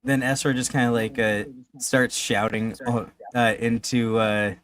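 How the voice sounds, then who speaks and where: A man's voice: medium pitch, fairly even intonation, fairly bright tone. A man playing a tabletop game, describing his character's actions in casual, hesitant speech. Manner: hesitant, halting. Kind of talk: casual role-play chat.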